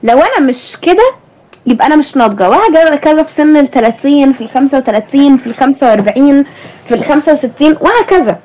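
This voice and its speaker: A woman's voice: sits high, expressive, quick pace, darkish tone, muffled recording, a little hiss or hum. A young woman with an Egyptian Arabic accent, hosting a thoughtful conversation and asking her guest questions. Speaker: host. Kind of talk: reflective conversation.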